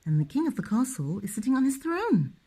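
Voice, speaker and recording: Very animated woman teaching a young child. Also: high-pitched, fairly quick, husky. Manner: encouraging, sing-song questions and repetition. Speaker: mother teaching her toddler. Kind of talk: playful children's language lesson.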